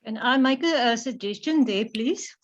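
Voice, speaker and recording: A woman's voice: on the high side, moderate pace. A woman taking part in a meeting, politely and tentatively explaining her suggestions. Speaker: meeting participant. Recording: dull lo-fi online meeting audio.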